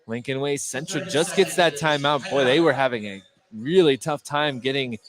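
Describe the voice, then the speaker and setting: A mid-range American male voice calls a basketball game live for radio at a moderate pace, rattling off the action in clipped phrases. Crowd noise, bouncing basketballs, and the general racket of a busy gym surround him.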